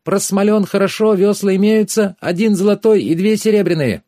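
A man voicing a hyper barefoot street boy of about seven who shouts out sales patter in a loud, shrill voice. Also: normal speed, no room sound, studio quality, lightly acted. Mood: hawking.

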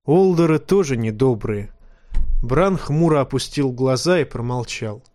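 A man reading a fantasy novel aloud in steady, even audiobook narration. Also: medium pitch, no room sound, studio quality. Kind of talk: scripted narration.

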